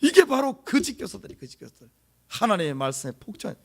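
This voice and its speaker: Animated Gyeongsang-accented pastor preaching. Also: male voice, sits high, quick pace, creaky, husky. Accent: Gyeongsang Korean. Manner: emphatic, repeats key words for stress; asks the congregation rhetorical questions. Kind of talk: sermon. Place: church sanctuary.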